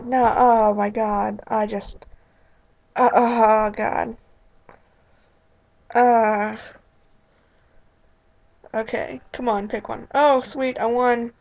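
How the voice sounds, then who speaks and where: A woman's voice: fairly high pitch, vocal fry, a little mellow, rough recording. A young woman casually commenting on her gameplay, rambling with exclamations and muttered asides at her computer mic. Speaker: let's play host.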